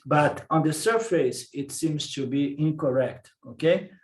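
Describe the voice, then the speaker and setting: A man's voice: a little high, measured pace. Brazilian man teaching in an echoey room. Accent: Brazilian Portuguese. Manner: repeats words, asks "okay?" to check understanding. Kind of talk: lecture on Vedanta philosophy.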